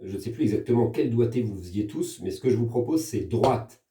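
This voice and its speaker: A man's voice: mid-range voice, expressive, a little fast, background noise. A French man teaching a percussion lesson, explaining patiently step by step and counting hand patterns aloud. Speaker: music teacher. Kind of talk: recorded percussion lesson for pupils. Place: room at home with a practice pad. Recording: echoey room, voice from a distance.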